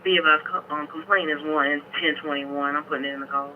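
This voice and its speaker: A phone-thin police radio channel with faint noise carries an American man's dispatch traffic. His voice is on the high side for a man. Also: steady tone, fast talker. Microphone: two-way radio. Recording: tinny, noisy police scanner radio.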